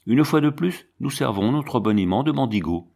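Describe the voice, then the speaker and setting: A man reading a classic novel aloud as an audiobook, in a measured narrating voice. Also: mid-range voice, lively intonation, gravelly, a little mellow. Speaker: audiobook reader.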